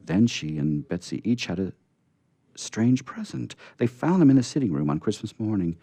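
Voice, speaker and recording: On the low side and sing-song, a man's mellow voice reads a story dramatically at normal speed, with no echo. He hosts a radio theatre, performing chatty live readings for a small audience.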